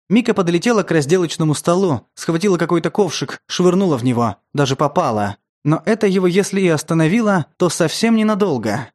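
A man's voice: a little high, a little mellow. Man narrating a tense audiobook. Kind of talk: scripted narration.

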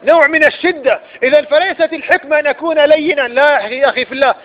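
A man's voice: extremely high pitch, very fast. A man with an Egyptian accent giving a religious lecture, often asking rhetorical questions and repeating his points for emphasis. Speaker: preacher. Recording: dull lo-fi recording.

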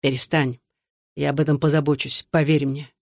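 A weary, hunted man speaks low and soothingly , as the audiobook narrator puts him on. The storybook reading is close and dry, with no room echo. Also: flat delivery, normal speed, natural voice. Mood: quiet.

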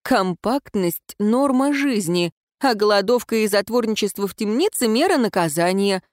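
A woman's voice: mid-range voice, animated, normal speed, dry recording, natural voice. A woman voicing a schoolgirl roommate who states harsh rules in a dry, resigned way. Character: matter-of-fact schoolgirl roommate.

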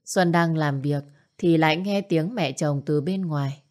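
A woman narrating an audio story in a steady, even read. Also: deep voice, unhurried.

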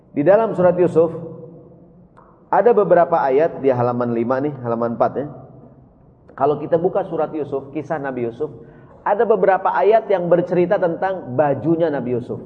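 Male preacher, animated storytelling sermon, tinny sound with long hall echo. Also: fairly high pitch. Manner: storytelling, addresses congregation repeatedly.

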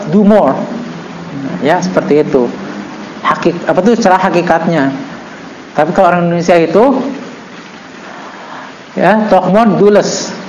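A man teaching an Islamic book study. He reads Arabic text slowly, then explains it with joking asides. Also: high-pitched, echoey room, slight background noise, low-quality recording. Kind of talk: religious book study lesson.

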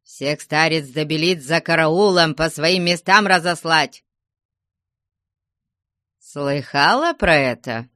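A woman voicing a stern, angry old merchant father who shouts threats at his family in an audiobook. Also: low voice, slow, pauses often, dry recording, studio quality, heavily acted. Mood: domineering.

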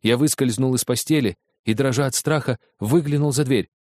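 A man narrates in the first person at a measured, storytelling pace. His pitch sits in a middle range for a man. The close studio mic gives a dry sound with no room around it. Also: a little mellow, no echo. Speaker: audiobook reader.

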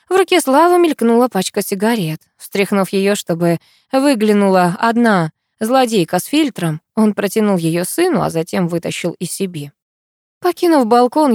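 A woman narrates a dramatic first-person novel with an expressive, emotional delivery. Her voice sits in a middle register. The recording is dry and close. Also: mid-range voice, no echo. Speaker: audiobook narrator.

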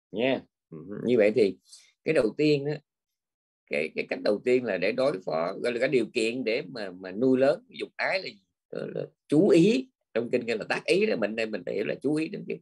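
An older man delivers a Buddhist teaching in an easy, conversational manner. His voice is husky and sits at an ordinary middle pitch. He keeps checking in with the listeners through short tag words as he explains. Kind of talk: dharma talk.

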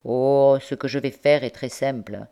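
Sly male spy, assured and sneering, read by a woman narrator, unhurried, mellow audiobook voice. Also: extremely low pitch, fairly even intonation, clean tone. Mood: scheming.

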